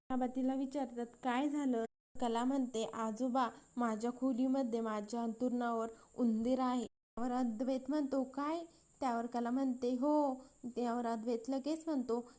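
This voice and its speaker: A woman's voice: high voice, mellow. A woman with a Marathi accent retelling a serial episode, quoting each character's lines in turn. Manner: retells scenes with quoted dialogue, "so-and-so says". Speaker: storyteller recapping a TV serial.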